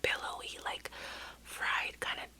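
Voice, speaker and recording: A woman speaks in a soft, bright whisper as she chews gum, in an ASMR ramble. She sounds middle-aged and close to the microphone, wandering through her story with pauses and trailing phrases. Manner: chewing gum while talking. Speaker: ASMR vlogger.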